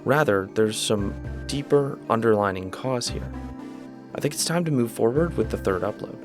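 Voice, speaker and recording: At normal speed and with a mid-range voice, a male YouTube host offers casual analysis commentary on a horror series. He is relaxed and conversational, tossing in enthusiastic asides, and his voice-over plays with music behind it.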